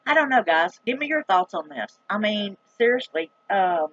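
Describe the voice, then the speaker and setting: In a sing-song, medium-pitched voice with a fairly bright tone, a middle-aged Southern woman vlogs a story to her viewers at a moderate pace. She's from the rural United States and speaks casually, dramatically and emphatically in a plain-spoken, folksy way. The recording is dry and muffled.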